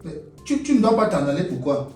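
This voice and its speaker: A man's voice: a little high, sing-song, brisk, darkish tone. A man with a Cameroonian French accent playing a stern, blustering older stepfather who keeps scolding. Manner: scolding, repeats himself, demanding. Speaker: stepfather in a comedy web series. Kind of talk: comedy web series acting. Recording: roomy echo, far from mic, light music.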